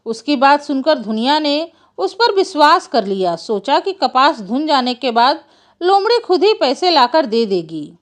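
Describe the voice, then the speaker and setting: A woman narrating a folk tale in a lively storytelling manner. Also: high-pitched, measured pace. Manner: lively storytelling, voices every character.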